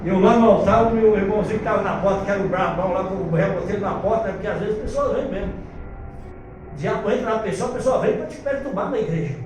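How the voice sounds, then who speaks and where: A man, a pastor preaching an animated storytelling sermon to his congregation on a handheld microphone. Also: sits high, quick pace. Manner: animated, addresses congregation as brothers. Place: church hall. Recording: echoey church room from far off, faint music.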